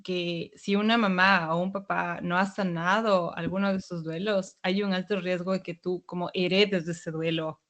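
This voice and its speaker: Co-host from Ecuador, mid-pitched voice, thoughtful casual chat. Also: normal speed, hardly any pauses, dull audio. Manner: thoughtful, storytelling, animated asides. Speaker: podcast co-host. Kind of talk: casual conversation.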